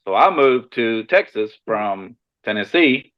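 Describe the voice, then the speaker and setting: A man from Costa Rica, a guest on a podcast, telling his story in a relaxed, friendly way with short answers and small restarts. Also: lowish voice, a little slow, clean tone, muffled recording. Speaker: shed hauling business owner, podcast guest. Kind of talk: casual interview chat.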